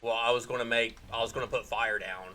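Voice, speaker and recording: A man running a tabletop game as game master, giving casual, quick rulings. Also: medium pitch, fairly even intonation, bright, forceful tone.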